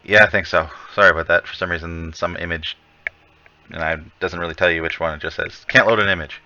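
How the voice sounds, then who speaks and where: A man's voice: sits low, fairly even intonation, quick pace, pushed and bright, dry recording, highs cut off, soft background music. A man narrating as game master of a tabletop game, hesitating with lots of ums and uhs. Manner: hesitant, filler-heavy narration.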